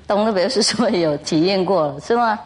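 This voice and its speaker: A woman's voice: mid-range voice, moderate pace. A woman spiritual teacher lecturing to an audience, telling jokes in a playful, teasing way and chuckling often.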